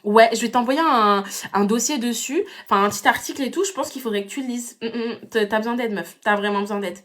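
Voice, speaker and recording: A woman's voice: on the high side, fast talker, fairly bright tone. A young woman performing comedic sketch monologues in a chatty, sarcastic way with lots of fillers. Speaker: comedy skit creator. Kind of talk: comedic sketch monologue playing all parts.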